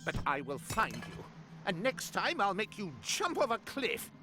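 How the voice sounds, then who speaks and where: An actor voicing a vengeful, theatrically menacing undead zombie in a video game, taunting and threatening in drawn-out phrases. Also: medium pitch, huge pitch swings. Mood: gleefully menacing. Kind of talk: video game character acting. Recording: music behind the voice.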